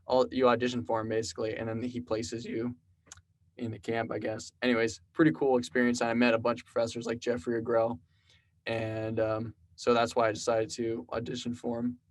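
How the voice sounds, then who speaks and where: This South Texas programmer and musician, in his twenties, talks a little fast in a mid-range voice. As a podcast guest in a casual interview, he wanders through his stories in a relaxed way, using plenty of fillers.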